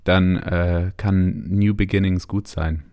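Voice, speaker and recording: Male interview guest, low register, British English accent in German, halting casual delivery sprinkled with English words. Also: fairly even intonation, darkish tone. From Canada and England.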